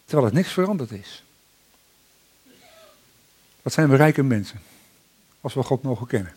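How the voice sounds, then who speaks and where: A man preaching a sermon and reading psalms aloud with slow, deliberate emphasis. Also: medium pitch, expressive, a little mellow, husky.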